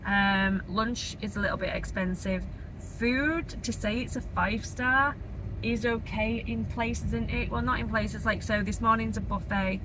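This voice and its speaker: A woman's voice: a little high, steady tone, unhurried. A young woman with a Northern English accent, chatting informally and rambling through a casual travel vlog. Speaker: travel vlogger. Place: inside a moving car. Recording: clear car and road noise. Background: car engine and road noise.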